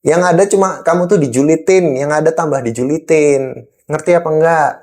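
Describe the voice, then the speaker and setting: A man's voice: fairly high pitch, fairly quick, darkish tone. A man with an East Javanese Indonesian accent in a role-play monologue as an angry boss, scolding an employee with pointed rhetorical questions.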